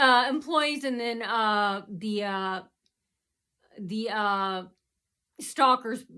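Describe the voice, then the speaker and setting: A fairly high, pushed, bright yet smooth female voice belongs to an American vlogger. Her monologue is casual and meandering, loaded with ums and uhs, and she keeps resetting with "so anyway."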